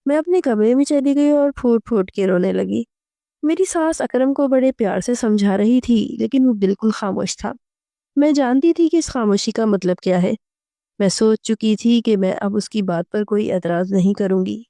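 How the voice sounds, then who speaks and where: A woman narrating a romantic audio novel in the first person, in a steady, even storytelling manner. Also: fairly high pitch, dry recording, clean studio sound.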